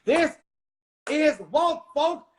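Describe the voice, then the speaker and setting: A man from Vietnam in his forties talks as an interview guest with a high-pitched voice. He is emphatic and preachy and keeps turning to the listeners directly. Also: extremely slow, slight background noise. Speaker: guest, real estate investor. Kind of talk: motivational interview talk.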